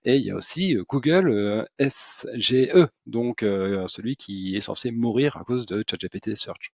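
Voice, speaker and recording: A man's voice: on the low side, moderate pace, vocal fry, no echo. A man giving an ironic explainer monologue, sarcastic and hesitant with frequent fillers. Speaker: SEO and AI commentator.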